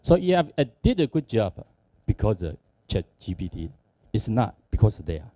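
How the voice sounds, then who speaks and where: A company executive with a Taiwanese accent presents at a conference in halting English, which is not his first language. His low, soft-edged voice has very animated intonation, and the sound is dry and close with no room sound.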